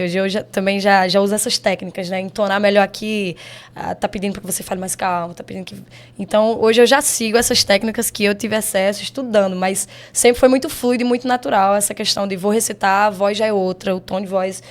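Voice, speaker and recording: A woman poet with a Brazilian Portuguese accent, a guest in a casual podcast conversation, speaking reflectively and often laughing softly. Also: medium pitch, fairly even intonation, brisk. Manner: reflective, with frequent soft laughs.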